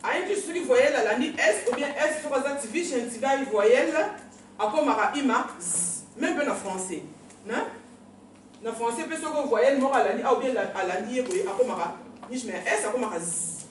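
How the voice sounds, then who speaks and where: Woman, language teacher, higher voice, very echoey room, distant mic. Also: fairly quick, a little hiss or hum. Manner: drills words aloud and checks in with "ya?". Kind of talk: classroom pronunciation lesson. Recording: very echoey room, far from the mic, faint ambience.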